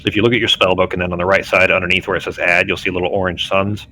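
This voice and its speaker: A man's voice: deep voice, flat delivery, racing, sharp tone, a little hiss or hum. A man speaking as game master, casually explaining the rules of a tabletop game.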